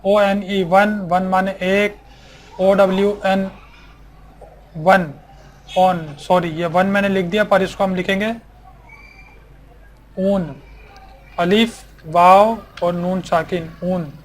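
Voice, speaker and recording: A man teaching a basic English vocabulary lesson, spelling each word letter by letter and repeating it slowly. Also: high-pitched, flat delivery, a little hiss or hum.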